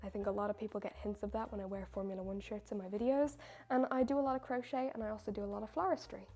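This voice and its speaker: A young adult baker and video creator answers viewer questions in a chatty, self-mocking Q&A. Her medium-pitched voice is rapid-fire, dark and a little breathy, with fairly even intonation.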